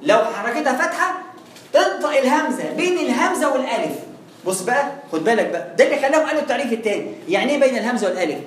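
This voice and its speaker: A man with an Egyptian accent teaching Quran recitation rules in a lively, informal way, acting out little exchanges with students. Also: very high-pitched, echoey room, slight background noise. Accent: Egyptian Arabic. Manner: lively, acts out back-and-forth dialogues, teasing. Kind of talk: informal tajweed lesson.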